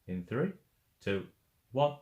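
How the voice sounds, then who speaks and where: A man's voice: medium pitch, sing-song, slow pace, mellow, roomy sound, dull audio. A man hosting a music reaction video, talking casually with lots of fillers and frequent swearing. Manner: laid-back, swears freely, many fillers.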